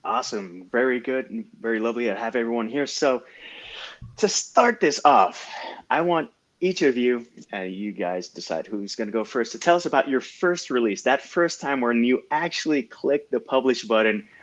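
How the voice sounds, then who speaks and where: Male panel host, informal and joking, medium pitch, slightly dull recording. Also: lively intonation, normal speed. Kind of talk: casual hosting chat. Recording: dull lo-fi sound.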